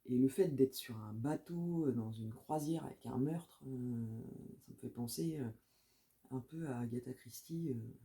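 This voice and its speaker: Dark-voiced chatty woman book vlogger. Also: extremely low pitch, measured pace. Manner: chatty, hesitant, frequent filler sounds; reads book blurbs aloud. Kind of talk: casual chat about books.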